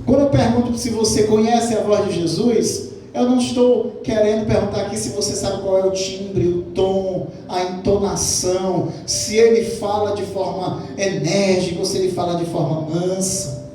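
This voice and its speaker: A man's voice: high voice, steady tone, normal speed, mellow, soft background music. A male pastor delivering a sermon, asking the congregation questions and repeating phrases for emphasis. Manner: preaching with rhetorical questions to the congregation. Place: church hall. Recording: very echoey church hall, mic at a distance.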